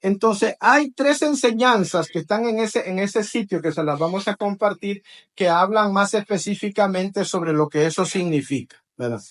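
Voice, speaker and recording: A man's voice: sits high, normal speed, a bit bright. A man preaching to a congregation, leading call-and-response and tagging his phrases with "¿verdad?". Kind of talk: teaching sermon to a congregation.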